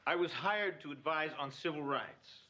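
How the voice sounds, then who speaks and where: A man's voice: on the high side, normal speed, highs cut off, noisy background, close to an everyday voice. An actor playing a male civil rights adviser who speaks bluntly and urgently in a television drama. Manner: forceful, lecturing.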